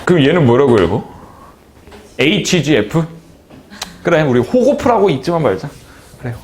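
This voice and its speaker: A man's voice: fairly high pitch, big pitch swings, moderate pace, darkish tone, slight background noise. A man teaching a math class, chatting with students and teasing them by name between explanations. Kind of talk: classroom lecture with banter.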